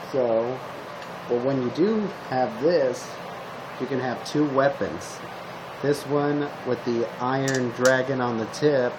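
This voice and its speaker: Here a man of mid-range pitch improvises a relaxed monologue, cast as a composed zombie-apocalypse survivor passing along advice on weapons. His speech comes in short, unhurried fragments, captured on a homemade recording with a noticeable hum.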